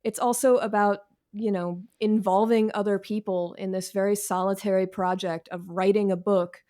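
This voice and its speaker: In a conversational interview, a woman appearing as a guest writer speaks frankly and readily makes fun of herself, peppering her talk with casual slang. Her voice is mid-pitched for a woman, with a steady, dark tone.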